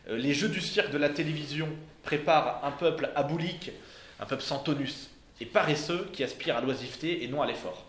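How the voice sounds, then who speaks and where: A man's voice: on the high side, a little fast. Man lecturing in an echoey room. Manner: hesitant, many fillers and restarts. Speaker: speaker giving a talk. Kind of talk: informal lecture to a live audience. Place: indoor room with listeners. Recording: echoey room, faint ambience.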